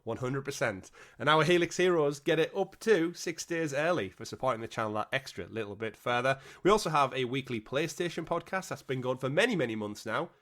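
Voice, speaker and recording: Man, podcast host, head cold, congested, energetic, jokey patter, close podcast mic. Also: fairly high pitch. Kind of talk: upbeat podcast presenting.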